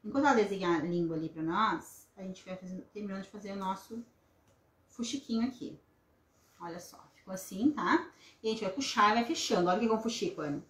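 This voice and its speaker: A woman's voice: mid-range voice, fast. A woman, casually hosting a live craft tutorial. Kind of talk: casual live craft demonstration with chat greetings. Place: small indoor craft room at a table. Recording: roomy echo, some background noise, clicks.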